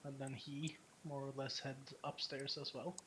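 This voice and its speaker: Tabletop game master, hesitant narrator, fills pauses, mid-pitched, faint hiss. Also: little pitch movement, a bit bright. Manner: loose, hesitant narration with many fillers.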